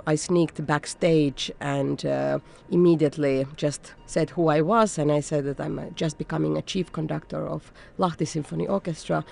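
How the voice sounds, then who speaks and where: A woman conductor from Finland, answering interview questions thoughtfully and pausing often with fillers. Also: deep voice, creaky, darkish tone. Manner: thoughtful, searching for words with frequent fillers. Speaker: orchestra conductor.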